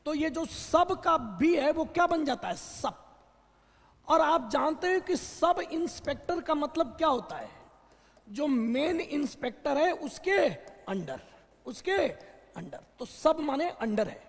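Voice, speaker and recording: A man teaches a class slowly, stopping to ask questions and answer them himself. His voice sits very high and sounds husky and gravelly. The room adds a long, echoey reverb. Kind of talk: classroom vocabulary lesson.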